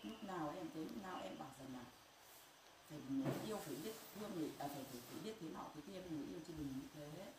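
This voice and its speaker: A woman's voice: sits low, rapid-fire. A grieving middle-aged mother speaking in a pained, insistent way and repeating herself, during a heated family confrontation. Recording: echoey room, distant mic, noisy background.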